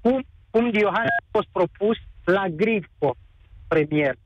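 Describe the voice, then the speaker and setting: A man calling in to a live radio show, halting and repeating words as he rambles toward his question. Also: high voice, noisy background. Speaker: caller. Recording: dull, dry phone line.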